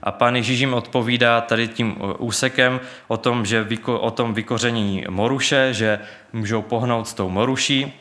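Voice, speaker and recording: A man's voice: mid-range voice, steady tone, fairly bright tone. A man preaching a sermon in an earnest, searching way, with many restarts and fillers, and reading Bible verses aloud.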